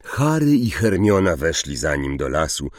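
A man giving calm, measured storybook narration. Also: low-pitched, dry recording, clean studio sound. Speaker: audiobook narrator.

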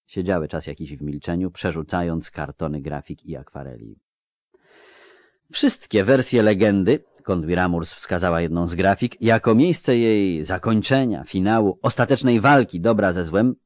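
A man narrating a fantasy audiobook in an expressive, scripted reading with varied emphasis, on a close mic. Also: deep voice, unhurried, no echo.

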